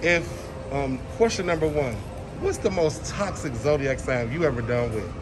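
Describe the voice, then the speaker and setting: A man's voice: medium pitch, moderate pace, noisy background. A man doing casual public interviews in a big store, teasing his guests with playful questions. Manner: playful, teasing, loud catchphrases. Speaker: street interviewer. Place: inside a large retail store.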